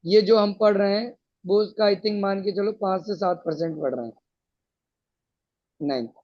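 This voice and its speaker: A man's voice: high voice, normal speed. A male teacher explaining a science lesson to students, patiently checking that they follow. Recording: dull lo-fi sound.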